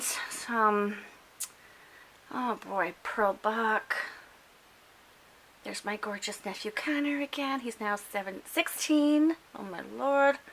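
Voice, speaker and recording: A woman's voice: high voice, sharp tone, a little hiss or hum, rough recording. A middle-aged woman from upstate New York chatting casually as she films a tour of her home library, with lots of fillers and self-corrections. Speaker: booktuber giving a bookshelf tour. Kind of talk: casual chatty vlog narration. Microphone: handheld camera while filming shelves.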